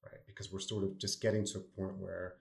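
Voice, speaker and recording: Podcast guest, New Jersey man, thoughtful and easygoing, deep voice. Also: flat delivery, a little fast, vocal fry, a little mellow. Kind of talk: casual discussion. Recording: roomy echo.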